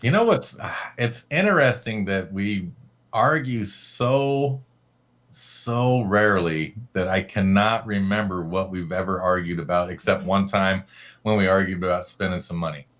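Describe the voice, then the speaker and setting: A middle-aged man co-hosting a casual live stream, his voice bright and forceful. He talks loudly by habit and jokes about himself as he chats. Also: low-pitched, measured pace. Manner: loud, joking, self-deprecating. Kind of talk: casual chat.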